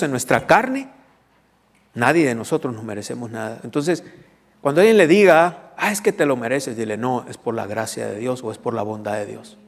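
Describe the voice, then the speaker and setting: A man preaches a teaching sermon at a middle pitch. He explains verses point by point and keeps checking that the congregation follows. His voice rings with the long reverb of a church hall. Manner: teaching, asks the congregation questions. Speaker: pastor.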